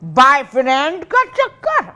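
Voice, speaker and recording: A woman's voice: high voice, wildly swooping pitch, slow pace, bright, forceful tone. An older woman with an old plays a scolding mother in a comedy drama, tossing out proverbs as she talks. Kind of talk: scripted comedy drama dialogue.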